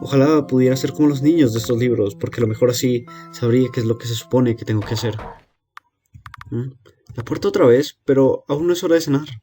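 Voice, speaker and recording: A man voicing a lonely young girl left alone to feed monsters in her cellar, reading game dialogue aloud with a hesitant, quiet delivery. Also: medium pitch, fast talker, soft background music, close to an everyday voice. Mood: weary, brooding.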